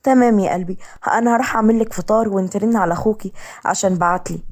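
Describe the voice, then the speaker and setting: A woman's voice: mid-range voice, rapid-fire, a little mellow, lightly acted. A woman voicing a motherly older aunt who fusses and scolds, with an Egyptian accent. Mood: doting. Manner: scolding, doting.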